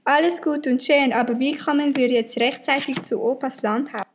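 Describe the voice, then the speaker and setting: A woman voicing an impatient mother in her forties in an amateur radio play, with a high voice. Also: fairly even intonation, normal speed. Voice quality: impatient, scolding. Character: impatient mother of forty-five.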